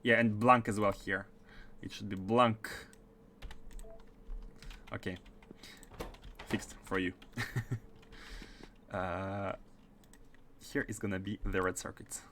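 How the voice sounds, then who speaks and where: Background noise sits under this game streamer's lowish voice as he speaks slowly and pauses often. With a mixed Russian and French accent, he offers chatty, filler-heavy commentary on his play and gets excited in bursts.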